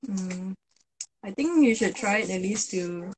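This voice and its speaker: A woman's voice: medium pitch, animated, measured pace, a little mellow, husky, low-quality recording. A woman in her thirties from Malaysia, a guest in a casual interview, speaking in a practical, matter-of-fact way. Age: 30s. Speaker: sailing vlogger guest. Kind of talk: casual chat.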